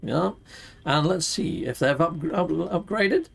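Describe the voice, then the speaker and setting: Man, middle-aged, gaming host, high voice, very lively intonation, exuberant casual chat, playful catchphrases. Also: slow pace, creaky, slightly rough. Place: indoor home streaming setup, seated.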